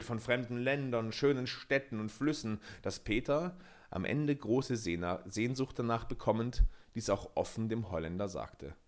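A man reading a fairy tale aloud in a calm, measured storytelling manner. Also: mid-range voice. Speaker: narrator.

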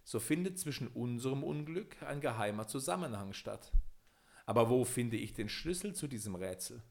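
A man's voice: medium pitch, expressive, normal speed, gravelly. A man voicing a young caliph turned into a stork in a fairy tale audiobook, speaking earnestly. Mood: pondering. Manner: earnest, sighing.

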